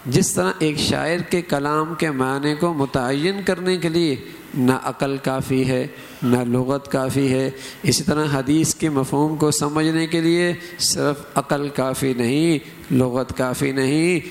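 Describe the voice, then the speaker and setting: A man's voice: a little high, fairly even intonation. A middle-aged man preaching a sermon, emphatic, lifting his voice to act out quoted phrases and examples. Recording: hall with long reverb.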